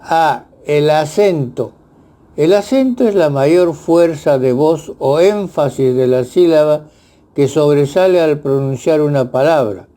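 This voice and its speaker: A man narrating a scripted Spanish grammar lesson, reading definitions and examples aloud in a slow, measured way. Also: on the high side, mellow. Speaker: grammar teacher.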